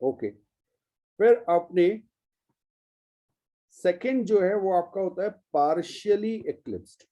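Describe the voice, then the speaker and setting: A man's voice: high voice, expressive, drawn-out words, long pauses, dark tone. A man from India teaching a chemistry class, explaining step by step in a patient way and drawing out key terms as he goes. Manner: patient, step-by-step explaining, addresses students as "beta". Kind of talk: classroom lecture.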